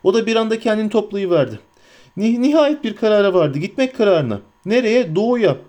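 Guy doing a panicky little hobbit servant, squeaky high, pitch jumping all over. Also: animated, a little fast, a little mellow. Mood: fretful. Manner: high-pitched, frantic, talks to himself. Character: anxious loyal young male hobbit servant.

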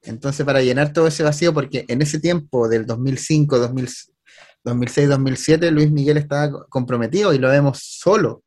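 A man's voice: medium pitch, a little fast, a little mellow. A man with a Chilean accent, hosting a podcast in casual chat, going over things at length with filler words and restarts.

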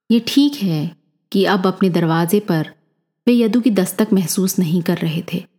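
A woman narrating a dramatic story in a measured, expressive way. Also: fairly low pitch.

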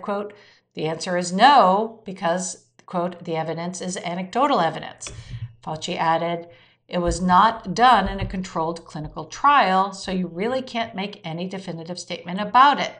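A woman's voice: fairly low pitch, fairly bright tone. Woman reading a weekly news recap. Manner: reads quotes with air quotes. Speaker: news narrator. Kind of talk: scripted news narration.

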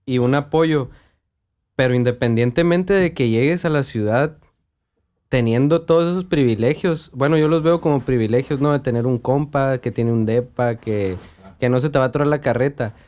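Un hombre que conversa de manera informal, metiendo bromas y frases coloquiales mexicanas. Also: male voice, mid-range voice, normal speed, a little mellow. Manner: joking interjections full of Mexican slang. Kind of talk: casual chat.

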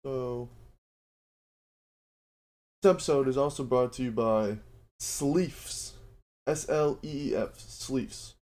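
A man's voice: mid-range voice, slow, pauses often, a little mellow. A man hosting a sports podcast, reading sponsor ads in a casual, fumbling way and apologizing for his slip-ups. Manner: fumbling, apologetic, self-mocking about ad reads. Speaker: podcast host.

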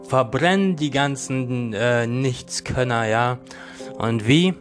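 A man's voice: mid-range voice, slow pace, soft background music. A man podcasting a jokey, rambling monologue straight at the listener, full of slang and tag questions, laughing between lines. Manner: addresses listener directly, constant tag questions.

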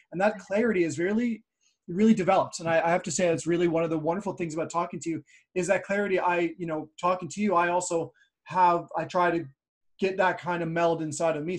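A show host in a casual interview chat, talking in a rambling way and restating phrases. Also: medium pitch.

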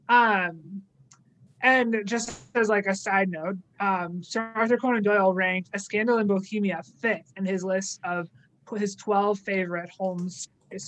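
A woman's voice: mid-range voice, fairly bright tone, poor audio. A woman co-hosting a podcast, chatting casually through an episode recap with lots of "like" and little acted-out quotes. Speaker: podcast co-host.

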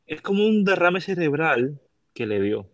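A middle-aged man from Puerto Rico with a Puerto Rican Spanish accent, telling a personal story as a podcast guest in a casual, animated way and acting out the voices of people in it. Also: a little high, unhurried, no room sound, highs cut off.

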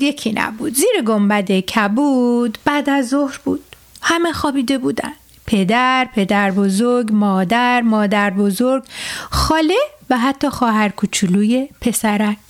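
High-voiced woman reading a children's story. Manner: speaks directly to children, unhurried. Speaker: children's show host.

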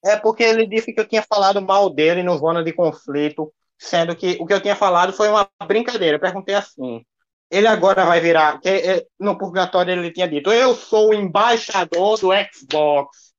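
A man speaks a little high, his voice coming over a dull, muffled, lo-fi connection. He is a livestream guest defending himself in a casual debate, circling back and repeating the same phrases. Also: fast.

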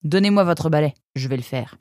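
A woman's voice: low-pitched, a little fast, no room sound, clean studio sound. A woman voicing an eager young male creature who stammers with many hesitations, in a storybook reading. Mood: eager stammering. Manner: stammering with many "euh", excitable.

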